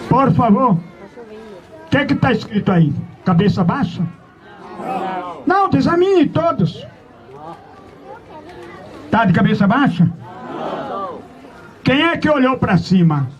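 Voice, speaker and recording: A man preaches an open-air sermon in a high voice at an unhurried pace. He keeps turning to his listeners with questions and stretches out his verse references. The recording is dull and lo-fi, with a faint crowd behind him. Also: sing-song.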